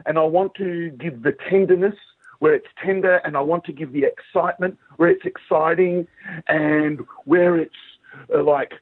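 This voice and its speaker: Husky Australian man, tinny phone line. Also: a little high, moderate pace, dry recording. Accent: broad Australian. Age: middle-aged. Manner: animated storytelling, acts out quoted remarks. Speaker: singer, interview guest. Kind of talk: casual anecdotal interview chat.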